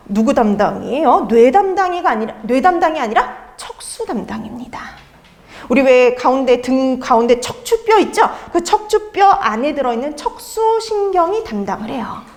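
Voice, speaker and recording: High, lively woman lecturing. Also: normal speed. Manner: asks students questions and answers them herself; repeats key terms for emphasis. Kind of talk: exam-prep lecture.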